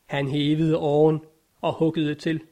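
Grave male storyteller, slightly high voice. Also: monotone, warm tone. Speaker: narrator. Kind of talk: scripted story narration.

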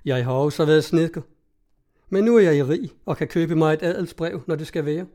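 A man's voice: on the high side, dark tone, lightly acted. A man reading the part of an eager young carpenter turned rich, pleading his case in a storybook.

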